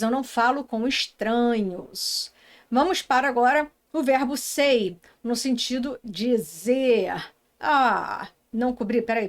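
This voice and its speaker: A woman from Brazil teaching a casual online English lesson, chatting, talking to herself and reading example sentences slowly. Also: a little high.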